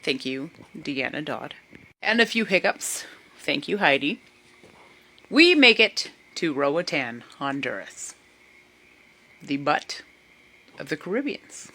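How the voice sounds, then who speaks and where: This young vlogger's voice sits low, and she goes slowly, pausing often, as she spins a humorous travel tale for her camera. The storytelling is casual and lively, with impressions of the people she met.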